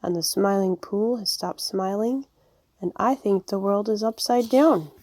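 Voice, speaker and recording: A woman's voice: medium pitch, unhurried, a little mellow, dry recording, natural voice. A woman voicing a sad, worried male muskrat who speaks mournfully in a storybook reading.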